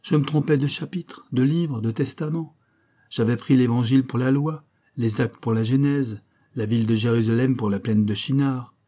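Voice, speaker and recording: A man voicing a sardonic middle-aged clergyman with a nasal, abrupt, mockingly solemn delivery, pitched a little above his own reading voice. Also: moderate pace, warm tone, natural voice.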